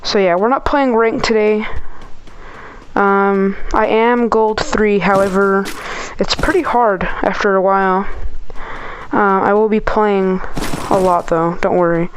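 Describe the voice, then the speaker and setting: A woman's voice: mid-range voice, fairly even intonation, a little slow. Woman gamer with heavy breathing, noisy mic. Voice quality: audible heavy breathing between phrases. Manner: hesitant, rambling, trailing off mid-thought. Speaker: gamer, first-time video creator. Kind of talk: casual gameplay commentary.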